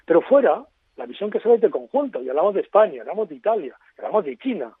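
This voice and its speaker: A man's voice: high-pitched, big pitch swings, quick pace, breathy edge, no room sound. A man as a radio guest, explaining at length in an expansive, lecturing way over a phone line.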